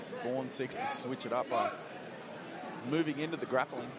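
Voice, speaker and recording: A man's voice: medium pitch, moderate pace. A man giving live play-by-play and analysis as a commentator at a cage fight. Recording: loud crowd behind the commentary.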